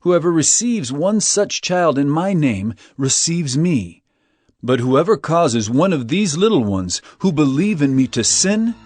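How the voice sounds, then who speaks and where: An actor playing Jesus as an earnest, emphatic teacher of solemn parables in a dramatized scripture reading. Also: male voice, medium pitch, close to an everyday voice.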